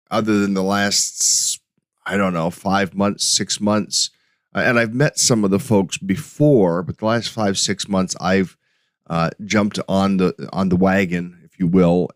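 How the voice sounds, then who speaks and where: Deep-voiced man, halting podcast talk. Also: dry recording, clean studio sound. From United States. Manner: hesitant, many restarts and fillers. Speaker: podcast host. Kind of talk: casual solo podcast with slides.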